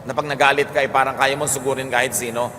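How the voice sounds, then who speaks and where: Filipino guy preaching calm and slow, long hall echo, bit of background noise. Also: medium pitch. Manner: calm teaching, switching between Tagalog and English. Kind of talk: sermon.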